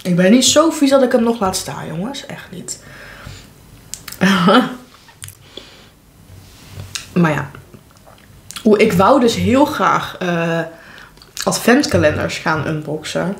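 A woman's voice: fairly low pitch, animated, unhurried. A young woman in a casual mukbang vlog, chatting candidly and informally between bites in a room at home. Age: young adult. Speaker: vlogger. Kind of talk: casual chat while eating, mukbang vlog. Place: living room at home, indoors. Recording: echoey room, clear background noise.

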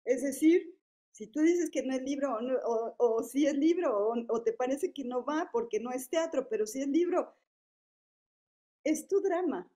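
A woman's voice: sits high, expressive, moderate pace, dark tone. A woman in her fifties with a Mexican accent, speaking casually as a panelist at a forum, with many fillers and tag questions. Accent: Mexican Spanish. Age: 50s. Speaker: panelist at a public policy forum. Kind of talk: forum talk, conversational.

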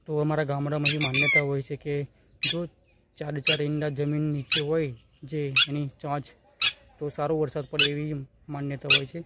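Birds call as a young Gujarati-accented village vlogger from Gujarat, India, walks his rooftop with a handheld phone camera, describing the view in a casual walk-and-talk style and repeating himself often. His fairly high voice swings hugely in pitch, runs a little fast, and the recording is very noisy.

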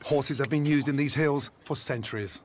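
A man giving calm, measured scripted narration for a travel documentary. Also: mid-range voice, slight background noise. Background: music.

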